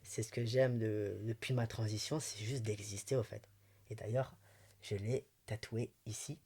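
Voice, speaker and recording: A man from Belgium with a light Belgian French accent, talking candidly and with emotion as a guest in a personal interview, chatty and quick to laugh. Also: on the low side, steady tone, darkish tone, slightly rough.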